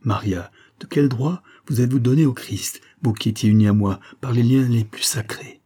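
A man's voice: medium pitch, moderate pace, dark tone, breathy edge, natural voice. A man reading an audiobook, voicing a bitter old former prisoner who urges and accuses with sombre energy. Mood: accusing. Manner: insistent, sombre and urgent.

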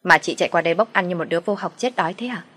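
A woman voicing a young wife, firm in retorts and gentle with her mother-in-law. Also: fairly low pitch, very fast, husky. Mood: sharp.

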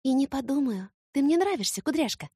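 Woman voicing a bold young heroine, teasing, mocking, high-pitched, swooping intonation. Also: lively intonation, moderate pace, dry recording, clean studio sound.

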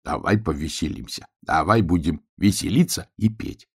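A man's voice: deep voice, moderate pace, husky. A man voicing a cheerful, easygoing young male bear cub in a storybook tale.

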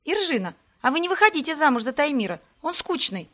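Woman doing pushy twin girls, squeaky high, rapid-fire questions, storybook. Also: very animated, a bit bright. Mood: eager chatter. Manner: rapid breathless questions, shrill. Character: lively teenage twin girls, chattering and pushy.

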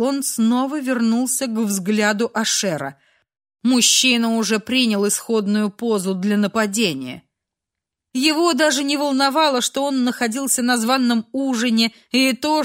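A woman narrating a dramatic audiobook in a measured, expressive way. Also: on the high side.

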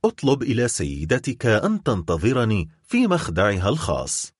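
A man voicing a stern male prosecutor who accuses his wife in grave, measured speech, in an audiobook. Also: fairly low pitch, huge pitch swings, slightly rough, no echo, clean studio sound, heavily acted. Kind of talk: audiobook character voice.

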